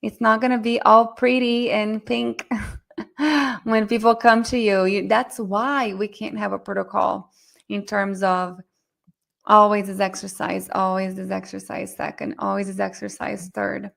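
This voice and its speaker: A middle-aged woman lecturing in a quick, conversational way. Her voice has a gravelly fry at the ends of phrases. She keeps checking in with her listeners as she teaches. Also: mid-range voice, flat delivery, a bit bright. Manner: fast, chatty, addresses audience directly. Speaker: myofunctional therapy instructor. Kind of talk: live online webinar lecture.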